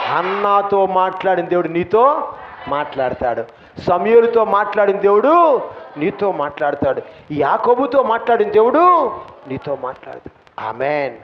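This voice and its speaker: Male pastor preaching, high voice, impassioned swings from shouts to hushed asides, dull lo-fi church recording. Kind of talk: sermon. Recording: dull lo-fi recording, faint room noise.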